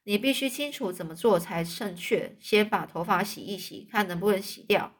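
A woman's voice: medium pitch, animated, normal speed, lightly acted. A woman voicing a strict older woman guardian who scolds and gives clipped orders in a storybook reading. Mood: scolding.

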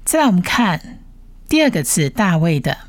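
A woman's voice: on the low side, sing-song, normal speed, no room sound, studio quality. A woman teaching a Bible Hebrew reading lesson, patiently spelling out letters and repeating each sound several times. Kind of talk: slow step-by-step reading lesson.

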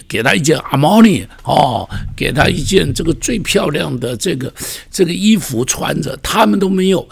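Gravelly, animated male pastor. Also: mid-range voice. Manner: dramatic, vivid retelling with rhetorical questions. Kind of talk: sermon storytelling.

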